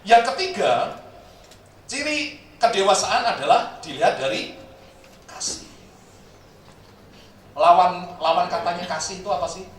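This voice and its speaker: Lively joking male preacher, echoey hall. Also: sits high, a little slow, pauses often. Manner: animated, joking storyteller addressing the congregation. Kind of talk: sermon. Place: church service hall. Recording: very echoey hall, distant mic, faint noise.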